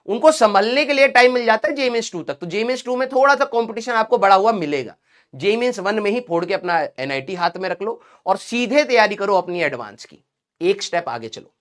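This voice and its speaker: A man's voice: high-pitched, fairly bright tone. A man who teaches exam students, giving a direct, fatherly motivational talk and repeating his key points.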